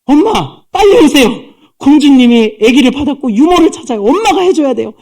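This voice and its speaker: A man voicing an eager young girl, quick and helpful, calling urgently for her mother. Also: extremely high pitch, big pitch swings, a little mellow, pitched above the performer's own voice, exaggerated voice. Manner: breathless, urgent pleading.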